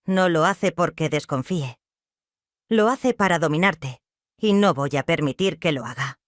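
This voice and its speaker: A narrator voicing a young stepson who speaks with tense, defiant anger. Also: male voice, fairly high pitch, expressive, measured pace, dry recording, clean studio sound.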